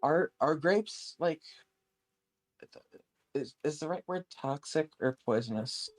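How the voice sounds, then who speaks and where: A man's voice: on the high side, animated, takes it slowly, no echo. A man playing a tabletop game, hesitant and stumbling over his words as he checks details. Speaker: player.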